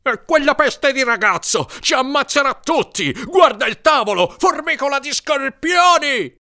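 A man's voice: fairly low pitch, normal speed, creaky, pushed and bright, exaggerated voice. A man voicing an exasperated young man who rants and roars in a storybook reading. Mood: furious. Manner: ranting, exasperated. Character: irate young man shouting in panic.

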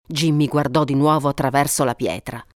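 A woman narrating a fairy tale in an expressive, dramatic way, lingering on moments of suspense. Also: rumbling low, normal speed, no room sound, clean studio sound. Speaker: storyteller.

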